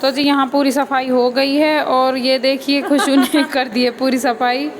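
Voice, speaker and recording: A high-pitched young woman talks her viewers through the day's chores in a chatty home vlog, recorded on a handheld phone. Her tone stays fairly level, with little rise and fall. A faint hum of noise sits under her voice. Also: level tone, a little slow, low-quality recording. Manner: chatty, explaining housework to viewers. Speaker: vlogger mother. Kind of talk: casual home vlog chat. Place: house and open courtyard.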